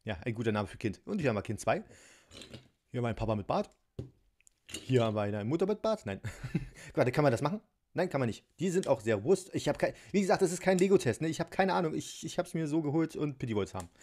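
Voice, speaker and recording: This toy unboxing vlogger talks fast in a slightly mellow voice on the high side, with big pitch swings. He unpacks and assembles a set at his home tabletop, shot from overhead. Chatty and giggly, he often makes fun of himself.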